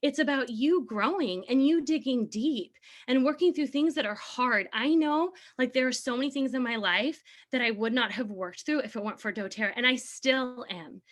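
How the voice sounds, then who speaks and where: A woman's voice: high-pitched, normal speed, hardly any pauses. A woman team leader giving an earnest, encouraging motivational talk. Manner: earnest, encouraging, sometimes laughing.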